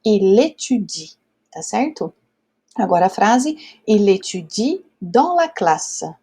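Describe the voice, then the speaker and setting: A woman's voice: medium pitch, sing-song, takes it slowly, warm tone, slightly rough. A Brazilian woman teaching French grammar step by step, patient, checking in often with her students. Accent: Brazilian Portuguese. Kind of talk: whiteboard grammar lesson.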